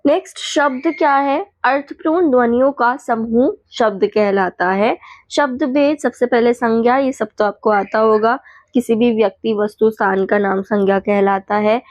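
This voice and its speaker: A woman teacher going quickly through exam revision points, listing definitions and checking in with the class as she goes. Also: on the high side, no room sound, muffled recording.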